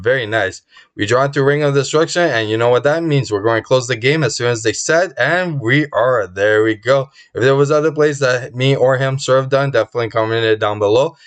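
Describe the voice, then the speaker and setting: A man hosts his channel and narrates a card game match move by move. He is upbeat and tags each play with a quick verdict. His voice is getting worn out. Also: medium pitch. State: losing his voice. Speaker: channel host.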